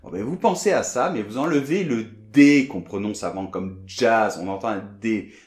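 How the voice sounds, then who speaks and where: A French man teaching French pronunciation, explaining sounds and repeating them slowly for learners. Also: on the low side, darkish tone, roomy sound. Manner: demonstrates sounds, repeats them slowly, often asks d'accord.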